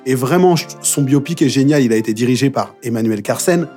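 A man from France, a musical theatre performer and dubbing actor, chatting playfully as a guest in a casual podcast interview, joking and telling stories with expressive energy. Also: mid-range voice, fairly quick, faint music behind. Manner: playful, jokey, expressive storyteller.

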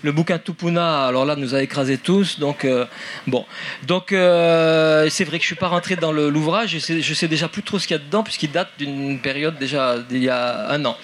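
A man's voice: fairly high pitch, moderate pace, a bit bright, slight background noise. A man presenting his book at a public forum, hesitant with many fillers and restarts, joking wryly at his own expense. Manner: hesitant, many fillers and restarts, wry self-mocking humor. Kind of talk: public talk, then answering questions.

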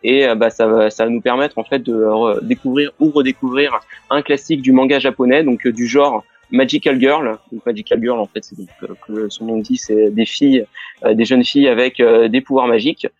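A man's voice: mid-range voice, steady tone, a little fast, dry recording, dull audio. A man talking casually on a show, hesitant and full of fillers. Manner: hesitant, many fillers and restarts. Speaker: guest on a show. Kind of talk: casual radio show chat.

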